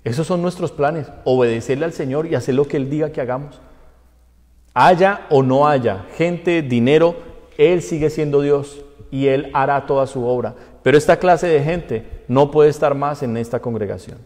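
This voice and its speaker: A man's voice: fairly high pitch, moderate pace. Impassioned male pastor in a reverberant church. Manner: impassioned, swinging between loud reading and soft asides. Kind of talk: sermon.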